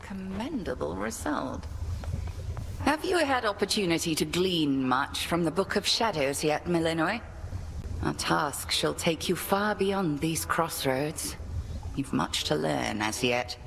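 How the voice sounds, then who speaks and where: A woman's voice: low voice, lively intonation, a little slow, gravelly, slight background noise, heavily acted, low-quality recording. An actress playing a stern, wise witch headmistress who speaks in a stately, commanding, archaic way in a video game.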